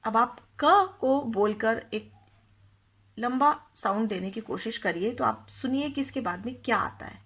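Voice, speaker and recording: A woman's voice: on the high side, lively intonation, a little slow, a bit bright, slightly rough. A woman teaching a Hindi grammar lesson to young children, explaining patiently, asking the class questions and mixing English words into her Hindi.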